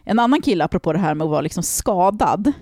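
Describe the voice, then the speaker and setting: Gravelly-voiced woman, casual podcast storyteller, lively and swearing, dry close mic. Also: on the low side, no room sound. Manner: animated, swearing, acts out quoted people. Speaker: podcast host telling a story.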